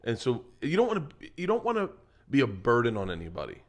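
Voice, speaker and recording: A man's voice: medium pitch, wildly swooping pitch, fast talker. A man hosting a comedy podcast, telling stories in a casual, profane, joking way. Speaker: podcast host.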